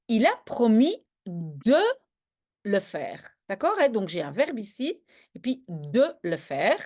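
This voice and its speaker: Speaking at a slow pace, this woman has a medium-pitched, darkish voice full of animation. She's a language teacher and native Dutch speaker who walks through a grammar point in a video lesson, patiently and stepwise, frequently checking that her audience keeps up.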